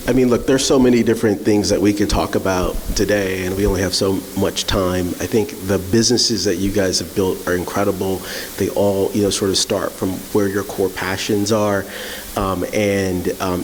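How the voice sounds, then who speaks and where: Man, low voice, panel moderator, conversational questions, hall echo. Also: steady tone, moderate pace. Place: event hall. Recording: reverberant hall with faint hiss.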